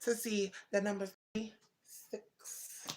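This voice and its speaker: Speaking slowly in a mid-range, slightly mellow voice with a level tone, a thirtysomething woman runs a relaxed livestream chat. She answers viewer comments directly, addressing people as "baby" and "twin." A little background noise can be heard.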